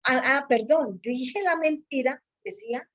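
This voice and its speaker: Woman, earnest personal testimony; dramatizes quotes with pitch leaps. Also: a little slow, poor audio. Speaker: speaker giving a testimony.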